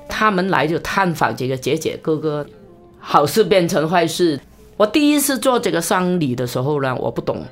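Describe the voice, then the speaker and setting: Lively woman evangelist telling a story. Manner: animated, with big pitch swings and quick, repeated phrases. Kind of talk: storytelling in an interview.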